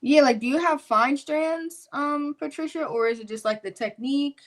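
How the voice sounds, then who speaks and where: A woman's voice: high-pitched, moderate pace. A woman co-hosting a casual livestream, easygoing and teasing, laughing often.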